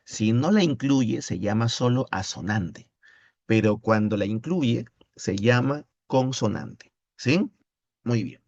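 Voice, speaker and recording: Slow-talking male literature teacher. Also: medium pitch, animated, darkish tone, no echo. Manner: reads poem slowly, then playful questioning. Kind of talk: online literature class with chat. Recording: dull lo-fi audio.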